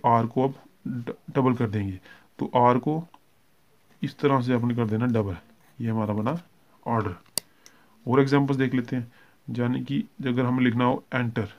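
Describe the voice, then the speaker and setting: A man's voice: mid-range voice, lo-fi sound. Man teaching shorthand, Hindi accent. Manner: steady explaining, frequent "ठीक है" check-ins and self-corrections; mixes English terms into Hindi. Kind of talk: classroom lesson explaining strokes.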